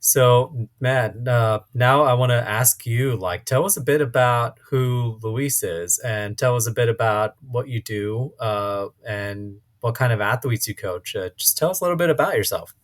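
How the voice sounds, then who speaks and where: A man hosting a podcast, upbeat and casual, asking playful quick-fire questions. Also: mid-range voice. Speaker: podcast host.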